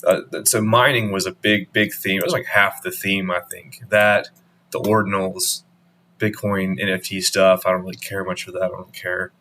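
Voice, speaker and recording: A man hosting a crypto channel in casual market commentary, rambling and restarting his sentences, his voice going hoarse. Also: low-pitched, level tone, normal speed, sharp tone. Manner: rambling, restarts often, trailing off.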